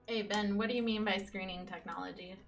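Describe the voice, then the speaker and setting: A woman's voice: mid-range voice, steady tone, fairly quick, gravelly, faint music behind. A young woman working in HR, co-hosting a casual livestream and giving frank hiring advice with easy laughter. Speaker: HR recruiter co-host.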